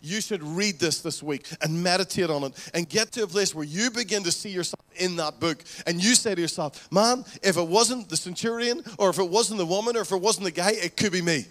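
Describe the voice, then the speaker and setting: A man's voice: high voice, brisk, hardly any pauses, fairly bright tone. A man preaching a fervent, exhorting sermon full of rhetorical questions. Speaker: pastor.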